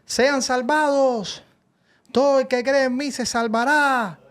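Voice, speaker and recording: A man voicing a showy small-town faith healer who preaches and commands the crowd in a booming cadence. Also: fairly even intonation, takes it slowly, a bit bright, heavily acted. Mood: proclaiming.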